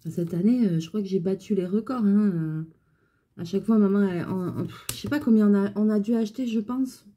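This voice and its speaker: A woman's voice: medium pitch, brisk, dark tone, slightly rough, highs cut off. A woman who runs a clothing alterations shop, chatting casually and venting with exasperation about her customers.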